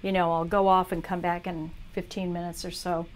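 A woman's voice: lowish voice, flat delivery, fairly quick, slight background noise. A woman teaching art on a livestream, chatting casually as she talks viewers through a drawing demo. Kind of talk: live demo tutorial.

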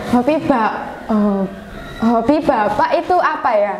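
High-pitched woman host keeps saying yes yes, echoey room. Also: measured pace. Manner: eager, frequent short agreements and laughs. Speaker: podcast host, interviewer. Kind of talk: casual interview. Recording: roomy echo, faint ambient noise.

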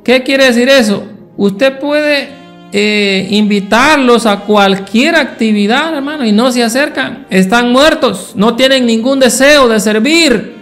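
High-voiced, slow preacher. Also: male voice, fairly bright tone, soft background music. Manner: rhetorical questions to the congregation. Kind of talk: Sunday school sermon.

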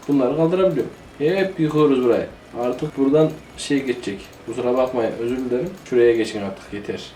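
A man's voice: mid-range voice, warm tone, a little hiss or hum. A man giving casual, joking commentary while playing a city-building game and talking to himself. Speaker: gaming YouTuber. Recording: roomy echo.

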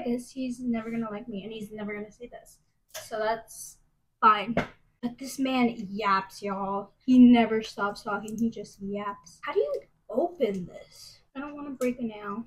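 A young adult woman, a college student, chats casually to a propped-up phone camera at arm's length in her home kitchen, rambling into gossipy tangents; later she moves to a bedroom with a handheld mic. Her voice is a little high, and the recording is rough.

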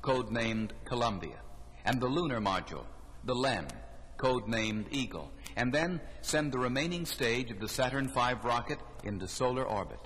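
A man's voice: medium pitch, expressive, fairly bright tone. Solemn male narrator in long reverb. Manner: solemn, grand, measured phrasing. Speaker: documentary narrator. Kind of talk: scripted narration. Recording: 1969 vinyl record, long reverb, faint noise.

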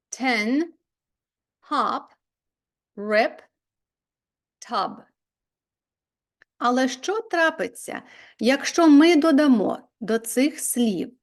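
A woman's voice: high-pitched, a little mellow. A woman teaching English spelling in a video lesson, explaining patiently step by step and reading example words aloud.

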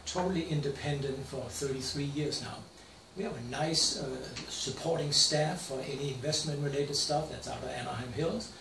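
A man's voice: fairly high pitch, normal speed, vocal fry. An older man from Denmark with a Danish accent, a financial advisor walking through slides in a plain, matter-of-fact way with some stumbles. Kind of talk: slide presentation. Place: small room with projector screen. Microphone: far camera. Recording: roomy, distant camera sound with faint hiss.

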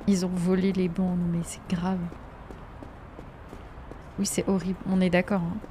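A woman's voice: fairly low pitch, flat delivery, moderate pace, warm tone, slight background noise. A woman chatting during a live gameplay stream, reacting to viewers' messages and sometimes slipping into English with a French accent.

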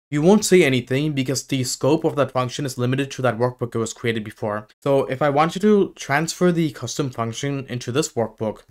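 A man presenting a step-by-step screen tutorial in voice-over, dictating as he types, piece by piece. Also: mid-range voice.

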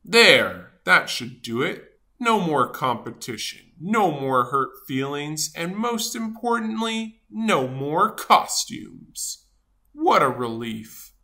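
A theatrical, fretful seed fellow from a children's storybook, acted out by a woman. He swoops up and down in pitch and draws his words out slowly in a bright, forceful tone. He sounds self-important and grumpy, yet good at heart. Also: big pitch swings, exaggerated voice. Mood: smug, irritated. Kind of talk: animated children's storybook read-aloud.

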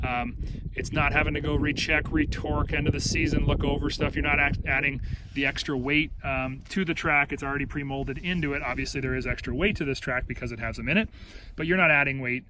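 A man of middle pitch talks in a loose, rambling way, full of restarts and "um"s. He is recording outdoors on a handheld phone. Clear engine noise runs under his voice. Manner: rambling, with restarts and filler words. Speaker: snowmobile reviewer. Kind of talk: casual walkaround review. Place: outdoors on snow beside a snowmobile. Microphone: handheld phone camera.

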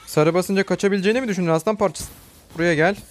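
High-voiced excitable male gamer. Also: very fast. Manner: excitable, shouts and pleads when chased. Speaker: gamer streamer. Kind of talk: live gameplay commentary.

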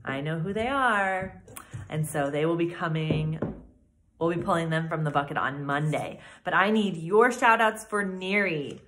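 A woman teacher reading a chapter book aloud to her class with clear, expressive storytelling, then signing off with announcements. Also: fairly low pitch. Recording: echoey room.

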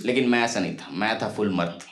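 A young man performing a stand-up comedy set on a small club stage into a handheld mic, telling self-mocking stories with animated delivery. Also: lowish voice, fast, heavy background noise. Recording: roomy club with loud crowd laughter. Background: audience laughter.

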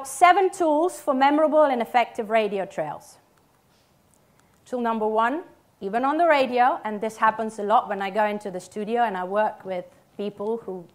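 A woman in her thirties giving a conference talk, emphatic, with short punchy statements and check-in questions. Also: fairly high pitch. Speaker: conference speaker, radio ad writer. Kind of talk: conference presentation. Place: theatre stage.

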